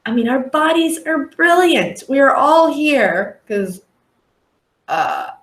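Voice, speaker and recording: A woman's voice: high-pitched, sing-song, takes it slowly, a bit bright, echoey room, a little hiss or hum. A woman speaking as a life coach guest on a podcast, earnest and reflective. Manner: earnest, reflective, acts out clients' voices. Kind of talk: podcast interview talk.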